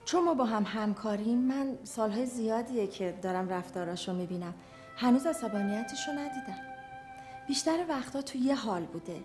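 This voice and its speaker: A woman's voice: a little high, darkish tone, soft background music, natural voice. An actress playing a fearful, divorced young woman who confides hesitantly in her therapist. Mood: anxious. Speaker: therapy patient. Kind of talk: film acting.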